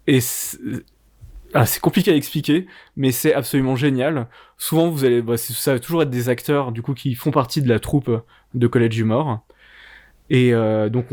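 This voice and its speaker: A man's voice: mid-range voice, a little mellow. A man co-hosting a podcast, casually and enthusiastically recommending shows, with frequent fillers and restarts. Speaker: podcast co-host.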